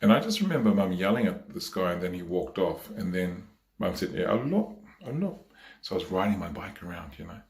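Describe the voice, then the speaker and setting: A man giving a eulogy for his mother at a memorial service, talking slowly and haltingly with many pauses and fillers. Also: low voice, darkish tone, reverberant.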